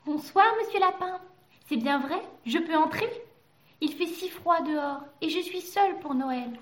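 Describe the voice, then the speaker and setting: A woman's voice: high-pitched, normal speed, pitched above the performer's own voice, lightly acted. A woman voicing a small, kindly female ant from a storybook, sweet and polite. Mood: timid. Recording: roomy echoey recording.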